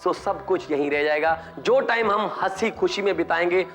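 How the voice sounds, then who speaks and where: An Indian man performing a stand-up comedy monologue on a TV comedy show, animated and slipping into character voices as he jokes. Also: high-pitched, normal speed. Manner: animated, mimics characters mid-joke.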